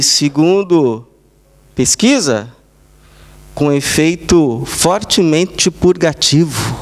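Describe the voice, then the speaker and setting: A man with a Brazilian accent preaching a sermon as pastor, telling small stories in short, measured phrases. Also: a little high. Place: church service.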